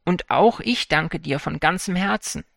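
A man's voice: on the high side, unhurried, gravelly, fairly bright tone, no room sound, studio quality. A man voicing a giant old female sea turtle, a kind nursemaid who speaks solemnly and reassuringly in a fairy-tale audiobook.

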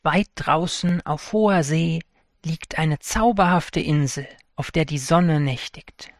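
Male audiobook narrator for fairy tales: slow, calm, gravelly, dry close-mic sound. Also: on the high side, no room sound.

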